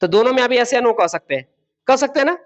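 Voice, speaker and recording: A man teaching grammar in a classroom speaks very high, animated, and fast. He puts questions to the class, repeats key words, and uses babu and beta for his students, with dull lo-fi audio quality.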